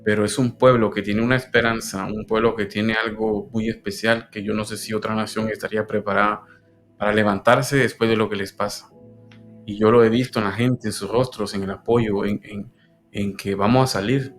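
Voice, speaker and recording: Guatemalan man, low earnest voice, faint music underneath; faith talk co-host. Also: level tone. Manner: earnest, halting. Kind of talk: religious discussion.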